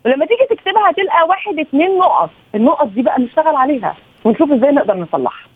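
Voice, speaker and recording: A woman's voice: high voice, big pitch swings, rapid-fire. A woman with an Egyptian accent, a psychological and family consultant guest, explaining advice in a practical way and often restarting her words. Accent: Egyptian Arabic. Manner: practical, with many self-restarts. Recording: tinny phone-like remote line.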